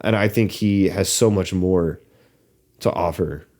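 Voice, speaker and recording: A young man with a fairly low voice chats loosely on a podcast. He circles his thoughts, restarting sentences and leaning on fillers as he works out what he thinks. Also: a little slow, a little mellow. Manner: hesitant, many fillers and restarts. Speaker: podcast co-host. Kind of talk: casual movie discussion.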